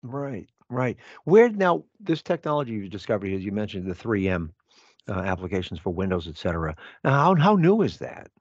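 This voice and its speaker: Host: man, lively intonation, dry lo-fi sound. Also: on the low side, moderate pace, no echo. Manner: brief encouraging interjections. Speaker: interviewer. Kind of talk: interview host.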